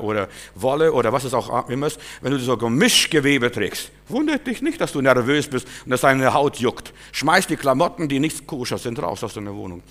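A man preaching a sermon, urging listeners directly and repeating phrases, swinging between loud emphatic bursts and quiet asides. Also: mid-range voice.

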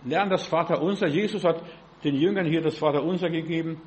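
A man's voice: on the high side, brisk, a little mellow. A man preaches an informal sermon. He is fervent, talks straight at his listener and keeps asking whether they follow. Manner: fervent, addresses listener directly with frequent rhetorical questions.

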